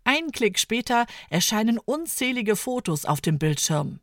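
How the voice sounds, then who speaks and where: Woman narrator for a children's story, unhurried, dry booth sound. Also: a little high, very animated, no room sound.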